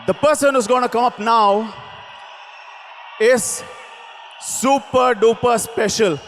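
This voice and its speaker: Male event host, booming motivational rally speech, commanding shouted delivery, unhurried, long hall reverb. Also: soft background music. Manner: commanding, exhortatory, shouted calls with repeated phrases. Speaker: event host introducing a speaker. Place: large event hall on stage.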